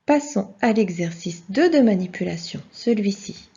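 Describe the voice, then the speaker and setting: A woman's voice: mid-range voice, expressive, normal speed, mellow, husky. A woman teaching a children's video lesson, speaking patiently and encouragingly and addressing the child directly. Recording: dull lo-fi sound.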